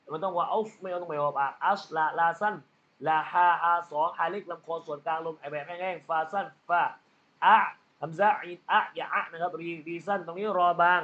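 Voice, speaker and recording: A man's voice: on the high side, fairly bright tone. A man teaching Quran reading, patiently explaining letter sounds and tajweed rules step by step. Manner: patient step-by-step explanation, frequent polite particles. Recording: muffled lo-fi recording.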